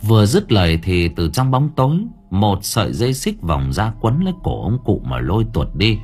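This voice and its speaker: A man narrating a horror story in a dramatic, expressive way. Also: on the low side, normal speed, husky. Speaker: audiobook narrator. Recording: faint background music.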